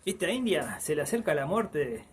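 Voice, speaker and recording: A man's voice: on the high side, big pitch swings, normal speed, a little hiss or hum. An Argentine man telling a folk tale in a rambling oral style, tagging lines with "dice". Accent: Argentine Spanish. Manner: rambling, repeats "dice" often. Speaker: storyteller.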